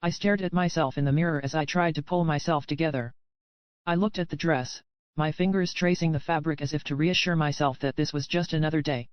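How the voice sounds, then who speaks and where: A woman narrating a romance audiobook in the first person, with even, steady storytelling in a dry, slightly muffled recording. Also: sits low, brisk, dry recording.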